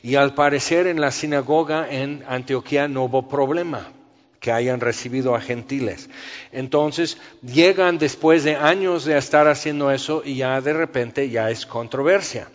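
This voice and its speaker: Conversational preacher. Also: male voice, mid-range voice, fairly even intonation, moderate pace. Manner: conversational, rhetorical questions, dramatizes quotes. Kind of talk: Bible study sermon. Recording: dull reverberant hall sound.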